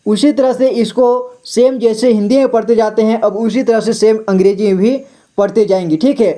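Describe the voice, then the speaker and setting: A man's voice: sits high, steady tone, warm tone. A man teaching Hindi reading, patiently spelling out syllables and checking in after nearly every phrase. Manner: slow, patient drilling of syllables, repeats "theek hai" constantly. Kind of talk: classroom-style explanation of letters and spellings.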